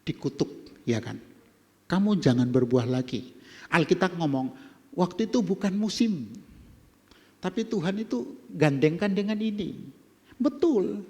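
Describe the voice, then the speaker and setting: A male pastor, preaching an emphatic sermon that swings between loud exhortation and quiet asides. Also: sits high, animated, unhurried, pauses often. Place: church hall. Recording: long church hall reverb.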